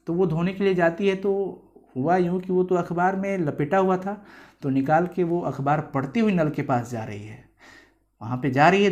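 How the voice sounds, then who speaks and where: His voice is fairly high with a darkish tone: a man from India with a Bihari Hindi accent, explaining a chapter to students. Chatty throughout, he blends English words into Hindi and acts out quotations.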